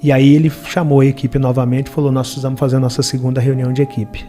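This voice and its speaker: A man's voice: mid-range voice, little pitch movement, quick pace, mellow, faint music behind. A middle-aged man from Minas Gerais, Brazil, with a Minas Gerais accent, telling a personal story in an earnest, reflective way during an interview. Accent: Brazilian Portuguese, Minas Gerais.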